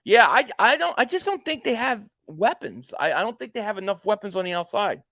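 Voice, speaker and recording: A man in his late forties hosts a casual live stream reacting to a football game, rambling and cracking jokes as he reads viewer comments aloud. His high voice has a sing-song lilt, fairly quick pace, and a bright, forceful tone. The studio-quality recording has no room sound.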